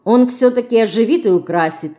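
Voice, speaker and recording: A woman voicing a modest, gentle mother who frets over her children in an audiobook. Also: fairly high pitch, fairly quick, voice pushed up, close to an everyday voice. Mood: fretting.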